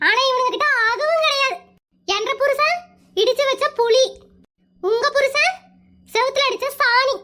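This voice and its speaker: A woman playing a cartoon village wife, very high squeaky voice, bright and piercing, chatty and teasing. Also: moderate pace, pauses often. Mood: gossipy. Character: gossiping village wife, adult woman, sharp-tongued. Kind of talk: cartoon comedy voice acting.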